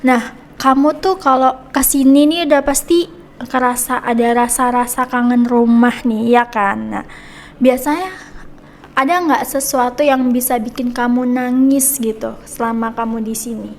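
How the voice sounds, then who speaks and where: Brief: young female podcast host, high voice, chatty, lots of little fillers. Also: moderate pace, a little hiss or hum. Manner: chatty, friendly prompting with many hmm and nih fillers. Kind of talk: casual podcast interview.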